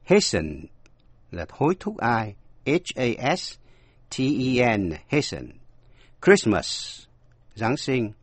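A man's voice: medium pitch, big pitch swings, takes it slowly, breathy edge, no room sound. A man giving a scripted radio language lesson, explaining word meanings and spelling words out letter by letter. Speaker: language teacher.

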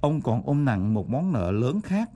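A man reads a scripted radio broadcast in a mellow, warm voice. His delivery is formal and measured, like a station announcer. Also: mid-range voice, big pitch swings.

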